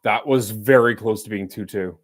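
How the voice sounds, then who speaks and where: A man speaks at normal speed in a lowish voice during his live hockey stream. He narrates the plays and ribs his viewers in a relaxed way, bouncing between the game and banter.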